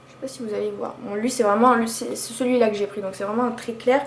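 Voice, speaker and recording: Woman vlogger, higher pitch, chatty and hesitant, roomy home recording. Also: fairly even intonation, fast talker. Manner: chatty, hesitant with frequent fillers and restarts. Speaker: beauty vlogger. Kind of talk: casual product haul review. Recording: echoey room with faint background noise.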